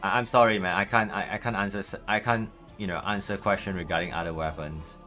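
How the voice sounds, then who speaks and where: This Malaysian-accented host talks fast on his gaming livestream, low-pitched but pushed and bright, with fairly even intonation. Music plays in the background as he chats casually, hesitating and repeating his words.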